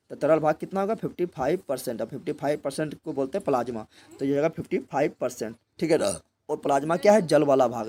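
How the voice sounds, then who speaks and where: A fairly high-pitched young man runs an exam prep lesson. He keeps asking the class a question and answering it himself, circling back over each point. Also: warm tone. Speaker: teacher.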